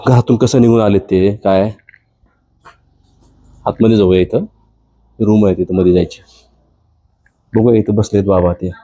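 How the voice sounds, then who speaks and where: A man's voice: on the low side, fairly even intonation, moderate pace, long pauses. Consoling male field reporter. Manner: gentle, consoling questioning. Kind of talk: ground report interview. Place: old age home.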